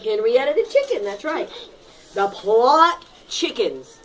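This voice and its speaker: An elementary school reading teacher reads a storybook aloud expressively in a slightly high voice with big pitch swings, at a slow pace. She stresses points dramatically and questions her pupils in a didactic way. The recording quality is low.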